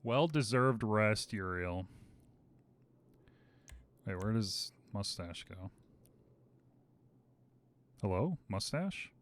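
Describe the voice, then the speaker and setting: Guy streamer chatting to chat, slow drawl, kinda low voice, swears a lot. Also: animated. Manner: exclaims and swears, laughs at the chaos. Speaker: streamer playing a roleplay game. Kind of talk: casual out-of-character chat with viewers.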